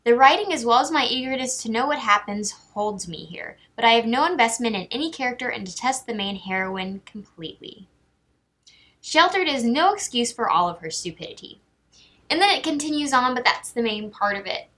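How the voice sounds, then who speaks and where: Bright-voiced young woman, reading in wry disbelief. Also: fairly high pitch, lively intonation, fairly quick. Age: young adult. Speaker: amateur online fiction writer and vlogger. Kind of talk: casual vlog chat, reading out comments.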